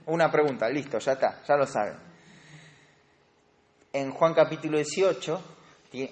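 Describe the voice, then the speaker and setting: A man with a Rioplatense Spanish accent teaching a Bible study class on grammar, explaining step by step and quizzing his students. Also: mid-range voice. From Argentina. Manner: explanatory, asks the class questions.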